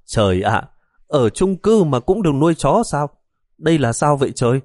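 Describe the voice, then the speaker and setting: A man's voice: medium pitch, animated, measured pace, a little mellow, dry recording, studio quality, lightly acted. A man voicing a fussy, worried old mother who nags and scolds her grown son. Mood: startled. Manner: scolding, fretful.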